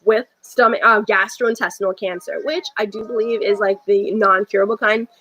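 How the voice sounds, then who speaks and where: A woman's voice: mid-range voice, steady tone, normal speed, bright, forceful tone, husky, rough recording. A young woman talking to camera in an unscripted personal monologue, rambling with many restarts and fillers. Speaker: vlogger.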